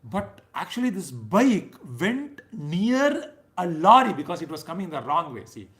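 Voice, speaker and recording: In a high, a bit bright voice, a thirtysomething spiritual teacher with a South Indian accent runs a scripture class, very animated yet unhurried. His sermon is informal, mixing stories and chanted verses, and he stresses points emphatically while tagging many phrases with "right?" to check in.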